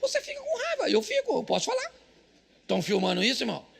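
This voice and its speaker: A middle-aged Brazilian man preaching a live church sermon, cracking jokes, shouting punchlines and quizzing the crowd. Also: very high voice, huge pitch swings, gravelly. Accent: Brazilian Portuguese. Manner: jokey, rapid-fire preaching with shouted punchlines and audience call-outs. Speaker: pastor.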